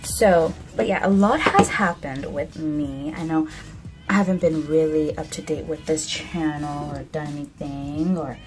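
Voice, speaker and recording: Chatty gushing young woman vlogger. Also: low-pitched. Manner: chatty, gushing, sassy storytelling with frequent "like". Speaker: beauty vlogger. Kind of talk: casual chat to camera. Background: background music.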